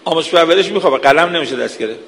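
A man's voice: on the high side, expressive, creaky, a bit bright, a little hiss or hum. A man giving an earnest sermon, lecturing with vivid everyday examples. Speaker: preacher. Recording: long hall reverb.

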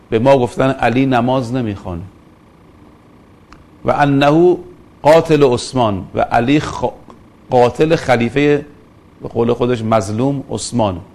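A middle-aged man giving a religious lecture, telling stories and slowly reciting Arabic scripture. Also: medium pitch, darkish tone.

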